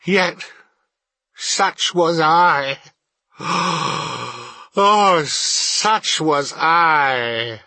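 Marley's wailing, anguished ghost, high and forceful. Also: male voice, expressive, dry recording, heavily acted. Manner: wailing, slow, declamatory. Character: anguished, remorseful male ghost, solemn and warning. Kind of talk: theatrical storybook reading.

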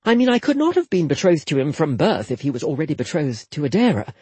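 A man voicing a curious, polite young noblewoman in a softened, raised voice. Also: on the high side, huge pitch swings, fast, slightly rough, dry recording, heavily acted.

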